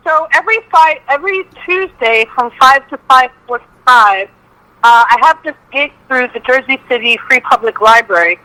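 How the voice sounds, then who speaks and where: A woman's voice: sits high, pushed and bright, low-quality recording. An upbeat, agreeable American woman chatting casually as a call-in guest, heard over a phone on speaker. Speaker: call-in guest, gigging pianist.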